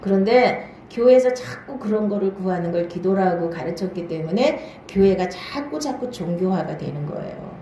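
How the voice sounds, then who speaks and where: A woman's voice: mid-range voice, animated, moderate pace, hardly any pauses, dark tone, slight background noise. Woman preaching in a very echoey hall. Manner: keeps asking the listeners questions and checking they follow; marks each new point with a short "now then". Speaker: pastor. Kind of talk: Bible-study sermon. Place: church hall.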